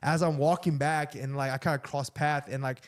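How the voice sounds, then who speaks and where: A man's voice: a little high, steady tone, moderate pace. A man co-hosting a casual podcast, telling a story in loose slang with lots of fillers. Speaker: podcast co-host.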